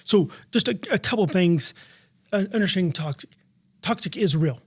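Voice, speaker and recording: Man, earnest preacher-like co-host; fairly high voice, steady conversational delivery. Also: moderate pace, slightly rough. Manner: earnest, preacherly, cites scripture. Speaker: podcast co-host. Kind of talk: faith-based leadership discussion.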